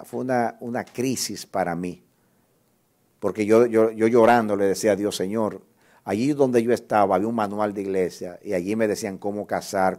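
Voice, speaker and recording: A man's voice: lowish voice, a little mellow. A male guest pastor preaching a sermon, telling an emotional testimony with repeated words and reading scripture aloud with rising force.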